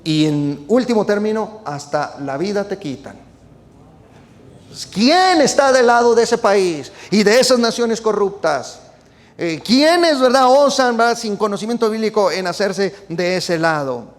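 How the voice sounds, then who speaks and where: A man's voice: sits high, lively intonation, unhurried. A male preacher, talking in an emphatic sermon style full of rhetorical questions and fillers. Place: United States. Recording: long reverb hall sound.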